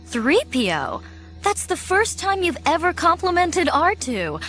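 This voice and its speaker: An actress playing a concerned, decisive young princess in an audio drama. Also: female voice, very high-pitched, big pitch swings, a little slow, fairly bright tone, full character voice. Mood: surprised, concerned. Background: music.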